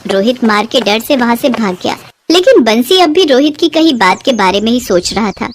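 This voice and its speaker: Bright-voiced woman telling a kids' story. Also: a little high, normal speed. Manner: clear, storytelling, expressive. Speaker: narrator. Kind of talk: scripted children's story narration.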